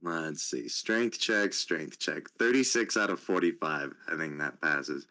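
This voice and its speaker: Deep-voiced man playing a tabletop game. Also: unhurried. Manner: relaxed, joking. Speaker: player. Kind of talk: casual tabletop game chat.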